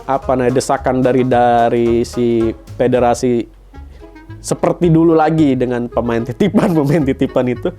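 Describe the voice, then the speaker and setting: A man co-hosting a casual podcast chat, talkative and quick to laugh. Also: medium pitch, fairly even intonation, mellow, soft background music. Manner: chatty, laughs often, uses slang. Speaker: podcast co-host.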